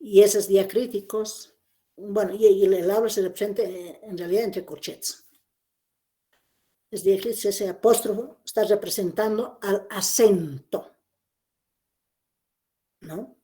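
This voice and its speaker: A woman's voice: mid-range voice, slow pace, long pauses, mellow. Lady teacher walking a class through phonetics, repeats stuff, keeps asking "¿no?". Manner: explanatory, repeats key points, checks with "¿no?". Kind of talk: classroom lecture.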